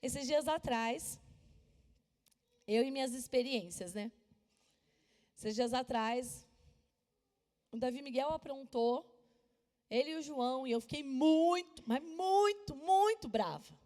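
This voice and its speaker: A woman pastor from Brazil preaching a sermon and telling a personal story with emphatic, lively delivery, at times dropping to a soft voice. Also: high voice, slow pace, pauses often. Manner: animated, emphatic storytelling, drops to soft voice for quotes. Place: church. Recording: long reverb of a church hall.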